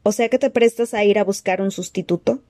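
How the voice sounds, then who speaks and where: A woman voicing a cold, menacing dark-lord man who speaks slowly in soft hissing threats. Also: mid-range voice, no room sound, lightly acted.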